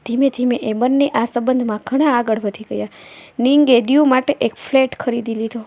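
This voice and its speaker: A woman tells a scripted family story in a high voice with a steady, even pace. The recording is dry and close, with no room echo. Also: moderate pace.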